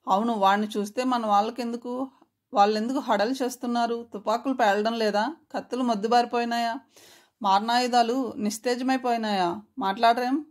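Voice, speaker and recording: Woman reads a ruthless older male gang boss, storybook villain, barking orders, fairly high voice. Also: fairly even intonation, brisk, natural voice. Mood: menacing. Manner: barking orders, English words mixed in. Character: menacing middle-aged male crime boss, ruthless and cruel.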